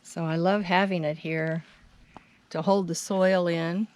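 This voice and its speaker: Slow-talking American woman giving a garden tour. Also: on the low side, fairly even intonation, darkish tone. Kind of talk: unscripted, informative tour narration. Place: outdoors in a home front garden. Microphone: handheld camera's built-in mic. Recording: outdoor handheld recording with ambient noise.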